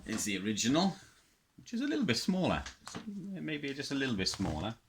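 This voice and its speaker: A middle-aged South Welsh man, a radio hobbyist, shows off his hobby in a casual, unscripted show-and-tell. His mid-range voice swoops wildly in pitch and moves fairly quickly as he rambles, hesitates and reminisces. There's a faint hiss or hum in the recording.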